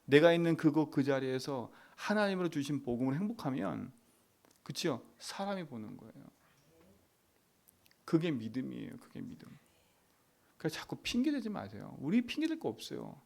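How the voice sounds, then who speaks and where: A man's voice: fairly high pitch, big pitch swings, moderate pace, creaky, a little mellow. A middle-aged male pastor preaching at a dawn prayer service, emphatic, with rhetorical tag questions and whispered prayers.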